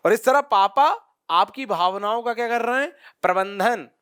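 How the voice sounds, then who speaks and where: Male coaching teacher, very high, bright voice, animated storyteller. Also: moderate pace, clean tone. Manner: lively storytelling, addresses students directly. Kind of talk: classroom lecture with acted-out anecdotes.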